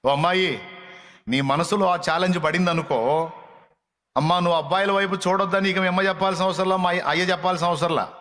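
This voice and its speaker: A man preaching a fiery sermon, scolding his listeners with heavy repetition and rising, loud rebukes. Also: high voice, fairly even intonation, a little fast. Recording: long hall reverb.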